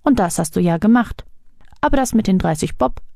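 A woman's voice: medium pitch, expressive, fairly quick, creaky, dark tone, no room sound, studio quality. A woman voicing an eager, caring young boy in a storybook, earnest and full of wonder.

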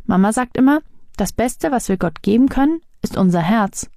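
A woman's voice: a little high, lively intonation, moderate pace, warm tone, no echo, clean studio sound. A woman voicing an eager, caring young boy in a storybook, earnest and full of wonder.

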